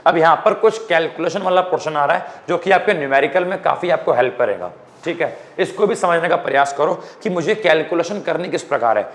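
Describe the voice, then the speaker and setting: A man's voice: on the high side, lively intonation, a little fast, a bit bright. Young Indian man teaching economics. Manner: conversational, checks in with students often. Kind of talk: informal Hindi-English classroom lecture.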